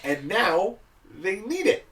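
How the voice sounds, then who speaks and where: A man co-hosting a podcast, casually chatting about his tabletop game characters in a relaxed, explanatory way. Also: sits high, takes it slowly. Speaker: podcast co-host. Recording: distant mic with faint background noise.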